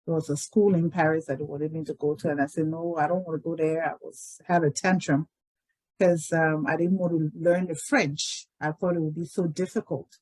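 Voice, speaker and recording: A woman, recalling her life in a reflective, unhurried way with many pauses. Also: low voice, steady tone, a little mellow, poor audio. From Liberia. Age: 60s. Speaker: interviewee telling her life story. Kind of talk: reflective personal storytelling.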